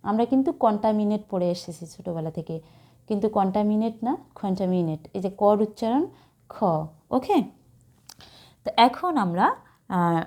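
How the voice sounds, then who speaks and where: A woman's voice: mid-range voice, warm tone. A woman English teacher, explaining word meanings patiently, spelling words out letter by letter and checking that students follow. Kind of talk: casual classroom explanation.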